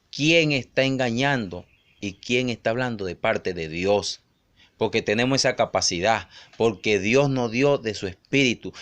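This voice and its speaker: A middle-aged man preaching in an emphatic, scolding way, dropping to low murmurs and rising to raised cries. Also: fairly bright tone. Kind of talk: online sermon rebuttal video.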